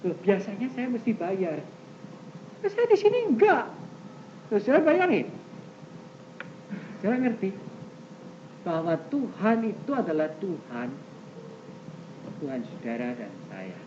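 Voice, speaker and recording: An older man preaching a sermon as pastor, questioning the congregation directly and swinging between loud high exclamations and soft low asides. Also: very animated, measured pace, long pauses. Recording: muffled old tape recording with faint hiss.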